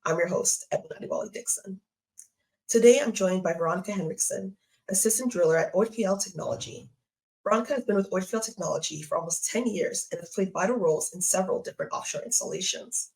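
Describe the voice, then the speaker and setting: A woman's voice: mid-range voice, fast, creaky, a little mellow, rough recording. A woman hosting an interview series, reading a polished introduction and asking questions. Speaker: host.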